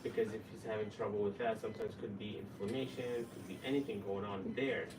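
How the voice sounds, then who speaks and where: A man's voice: fairly low pitch, steady tone, quick pace. Echoey, distant man explaining care. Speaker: medical staff explaining patient care. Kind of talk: informal medical consultation. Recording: echoey, distant, noisy room recording.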